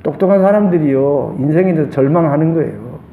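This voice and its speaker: A male pastor with a Gyeongsang accent preaching a sermon with passion, his voice swinging between loud highs and hushed lows. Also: fast, creaky, slight background noise. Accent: Gyeongsang Korean. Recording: echoey church room, tinny phone-like sound.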